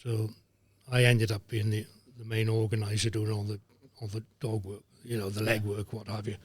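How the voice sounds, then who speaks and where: A man's voice: on the low side, normal speed, slight background noise. Older man telling stories. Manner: lively raconteur, slips into voices for quotes. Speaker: former football referee, guest. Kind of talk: anecdotal storytelling.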